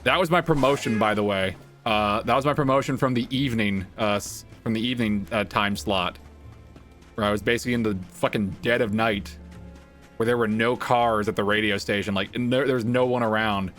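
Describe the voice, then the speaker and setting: A man's voice: on the low side, brisk. Chatty male streamer over music. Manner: excitable, repeats greetings and phrases. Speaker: streamer and voice actor. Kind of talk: livestream chat with viewers.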